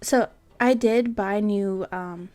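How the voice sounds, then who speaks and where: A woman's voice: medium pitch, slow pace, darkish tone, faint music behind. A tired woman giving casual, rambling voice-over commentary on her building game, full of fillers and trailing asides. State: tired, yawning.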